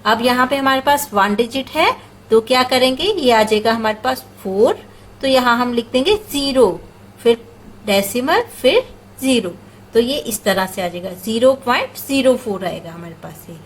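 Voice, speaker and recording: In a rough recording with a little hiss or hum, a woman walks through a math problem step by step, patiently asking and answering her own questions and mixing number words into her talk. Her voice is fairly high and animated, at a moderate pace.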